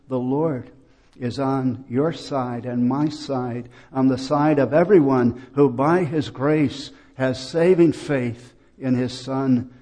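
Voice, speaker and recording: Slow, warm-voiced male preacher. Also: medium pitch. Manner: slow, measured preaching with dramatic pauses. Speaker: pastor. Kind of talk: sermon.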